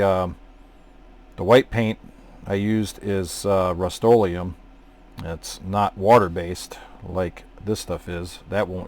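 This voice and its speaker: A man casually narrating his scale model painting, talking in a relaxed, rambling way with many fillers. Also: sits low. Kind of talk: casual hobby tutorial narration.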